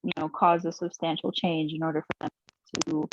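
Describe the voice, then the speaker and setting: A woman in casual discussion, talking haltingly with many fillers while her call mic keeps cutting in and out. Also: low voice, flat delivery, noisy background. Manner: halting, filler-heavy speech. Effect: choppy call audio, mic cutting in and out. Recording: dull lo-fi online call.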